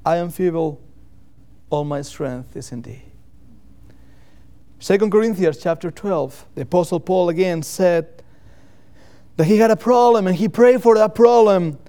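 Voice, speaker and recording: With a high-pitched, mellow voice, a Catalan-accented man from Catalonia, Spain, gives a sermon in English as a second language. He is a missionary preacher whose earnest style relies on repeating key phrases and on deliberate emphatic wording.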